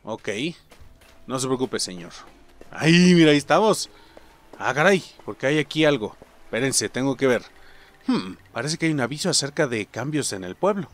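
Lively joking Mexican gamer. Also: male voice, medium pitch, moderate pace. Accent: Mexican Spanish. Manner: joking, swears freely, talks to viewers as buddies. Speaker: gaming channel host. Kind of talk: let's play commentary.

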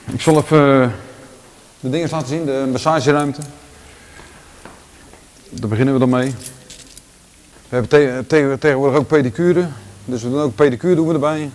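A man's voice: medium pitch, normal speed, pauses often. Chatty Rotterdam man touring his gym. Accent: Rotterdam Dutch. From Netherlands. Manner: chatty, relaxed, lots of fillers and restarts. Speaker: gym owner giving a tour. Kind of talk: casual walking tour. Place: large indoor gym. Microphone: handheld camera following him.

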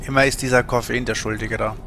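Medium-pitched and level in tone, this middle-aged man talks fast against a noisy background. He is a game livestreamer at his home setup indoors, chatting in a casual, musing, colloquial way.

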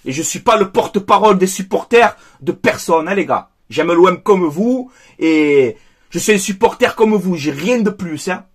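Angry man, very high voice, emphatic football fan ranting to camera. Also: animated, normal speed, slightly rough. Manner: heated, emphatic, repeats phrases, addresses viewers as "les gars". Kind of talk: angry post-match debrief monologue.

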